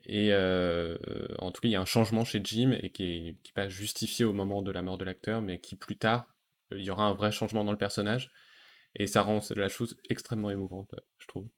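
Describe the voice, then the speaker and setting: A man hosting a relaxed podcast conversation, talking enthusiastically about animated series with frequent fillers and restarts. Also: fairly low pitch, a little fast. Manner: enthusiastic, hesitant with many fillers. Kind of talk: casual chat.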